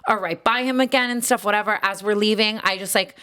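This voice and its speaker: Young woman rushing through a story. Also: mid-range voice, bright, forceful tone, smooth. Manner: rapid, filler-heavy, acts out quoted voices. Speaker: podcast co-host. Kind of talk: casual chat, animated storytelling.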